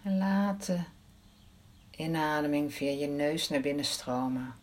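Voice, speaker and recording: A woman leading a guided breathing meditation in a soft, soothing voice, counting the breaths aloud. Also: sits low, unhurried.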